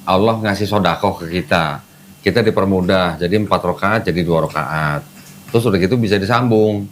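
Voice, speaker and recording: Man, low voice, patient teacher, repeats key terms, faint hiss behind. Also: fairly quick. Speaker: Islamic teacher guiding a convert. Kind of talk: patient explanatory chat. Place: indoors, air-conditioned room.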